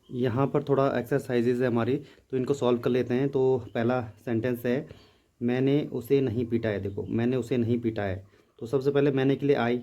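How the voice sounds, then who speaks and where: A man teaching grammar, explaining in Hindi and slowly dictating example sentences word by word. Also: mid-range voice, mellow. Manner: slow, drawn-out dictation of English sentences. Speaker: English teacher. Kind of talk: grammar lesson.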